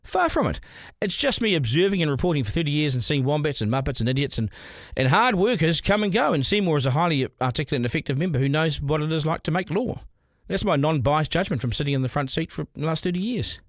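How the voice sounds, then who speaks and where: A man's voice: fairly high pitch, lively intonation, quick pace, hardly any pauses, no echo, clean studio sound. A man, hosting a podcast with a blunt, opinionated monologue. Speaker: podcast host.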